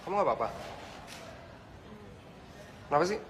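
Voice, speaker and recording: A man playing an aloof young man who speaks calmly and cuttingly. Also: on the high side, normal speed, a little hiss or hum. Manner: calm and cutting.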